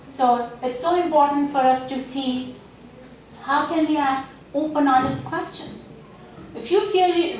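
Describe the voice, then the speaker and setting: Earnest woman in an echoey hall. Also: high voice. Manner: earnest, exhorting, frequent "you know". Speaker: community speaker and teacher. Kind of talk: speech to mothers and daughters at an event. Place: event hall. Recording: echoey hall, mic far off, faint noise.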